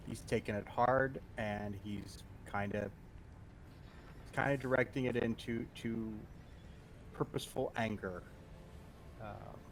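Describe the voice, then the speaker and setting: A man with a low voice speaking very slowly as a tabletop player. He talks through his character's feelings in a thoughtful way over a faint hiss. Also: vocal fry. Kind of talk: tabletop game play.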